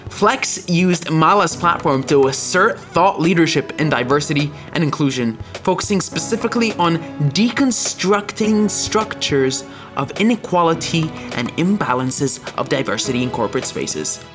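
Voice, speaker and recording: A man with a fairly high voice hosting a podcast over a call. He introduces his guest with enthusiasm and asks long, rambling questions. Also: animated, normal speed, over music. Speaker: podcast host. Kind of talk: podcast interview. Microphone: remote call.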